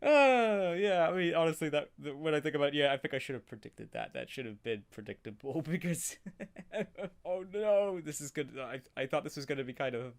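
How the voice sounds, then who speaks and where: A man reacts off the cuff in a fairly high, lively voice. He is casual, giggly and halting, rambling through his commentary.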